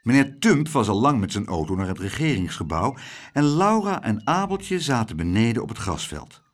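A man reading a children's storybook aloud in an expressive, animated storytelling way. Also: medium pitch, normal speed. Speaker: narrator.

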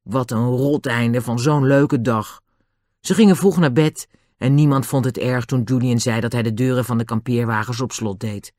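A narrator reading a children's audiobook in an expressive storytelling manner. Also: mid-range voice, moderate pace, no echo, clean studio sound.

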